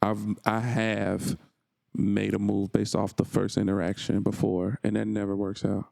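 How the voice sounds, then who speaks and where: A man's voice: lowish voice, little pitch movement, measured pace, vocal fry, warm tone, no echo. A married man co-hosting a podcast, telling a story in laid-back casual chat, restarting and repeating phrases. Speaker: podcast co-host.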